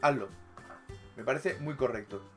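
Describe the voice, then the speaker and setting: Bright-voiced Spanish man telling stories. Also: medium pitch, moderate pace, faint music behind. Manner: animated storyteller, acts out dialogue, frequent laughter. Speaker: podcast co-host. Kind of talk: casual chat.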